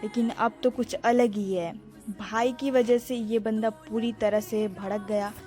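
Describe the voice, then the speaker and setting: A young woman narrates her own vlog in a relaxed, chatty way. She talks straight to her viewers and calls them friends. Her voice sits a little high, with faint music playing underneath. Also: unhurried. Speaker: vlogger.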